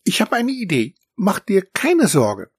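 A man doing a squeaky, plucky little mouse. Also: huge pitch swings, measured pace, husky, no echo, studio quality, heavily acted. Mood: confident. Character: small brave boastful male house mouse.

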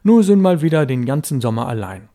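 A man voicing a caring but firm mother, speaking loudly and briskly in a storybook reading. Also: medium pitch, big pitch swings.

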